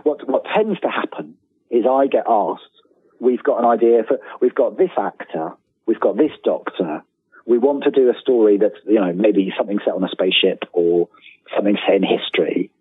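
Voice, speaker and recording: The interview guest, a freelance writer, has a lowish, breathy voice and a moderate pace. He talks in a casual, meandering, self-deprecating way, often restarting what he's saying, and the recording sounds tinny and phone-like with echo from the room.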